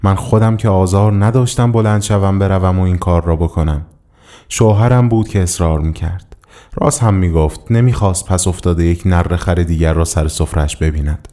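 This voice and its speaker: Man, audiobook narration, measured, somber, first-person storytelling, deep voice, mellow tone. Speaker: audiobook reader. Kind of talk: scripted literary narration.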